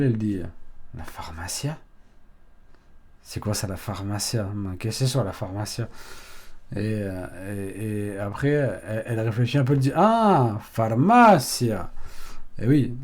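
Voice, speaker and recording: A man's voice: medium pitch, warm tone. A man giving a casual video language lesson, chatty and hesitant, with frequent fillers and restarts. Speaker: Spanish teacher.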